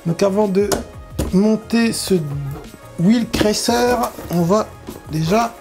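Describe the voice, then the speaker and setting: A man's voice: high-pitched, slow pace, music in the background. Stuffy-nosed Parisian man chatting. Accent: Parisian French. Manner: chatty, hesitant with many restarts and fillers. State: blocked nose from a cold. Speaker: FPV drone YouTuber. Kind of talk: casual build vlog.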